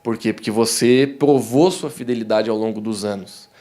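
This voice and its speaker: A young Brazilian man with a southern Brazilian accent, preaching a sermon in a church in a warm, conversational way, often calling the congregation "dear ones" and acting out the voices in his stories. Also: fairly low pitch, moderate pace. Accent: southern Brazilian Portuguese. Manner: animated storytelling that acts out quoted voices. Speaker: pastor. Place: church hall.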